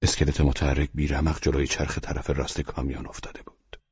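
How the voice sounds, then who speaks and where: A man reading an audiobook in grave, measured scripted narration, on a dull, dry lo-fi recording. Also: rumbling low, little pitch movement, a little mellow, husky, dry recording.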